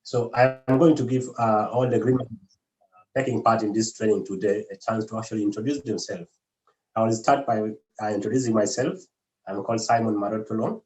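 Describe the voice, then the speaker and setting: A man's voice: lowish voice, steady tone, a little fast, darkish tone, reverberant, poor audio. A man facilitating an online workshop, speaking with frequent hesitations and fillers.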